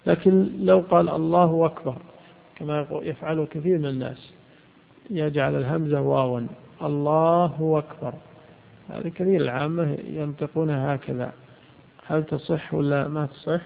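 An Islamic scholar teaches a religious lesson on jurisprudence, explaining a legal text by posing questions and answering them himself. His voice is fairly high, gravelly and steady, and he talks briskly. The recording is tinny, lo-fi and phone-like.

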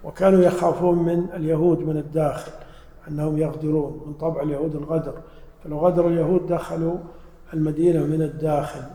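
A man's voice: fairly high pitch, level tone, fast, dark tone. A man giving an explanatory religious lesson. He asks his listeners questions and then answers them himself. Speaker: religious teacher. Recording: roomy hall with long reverb.

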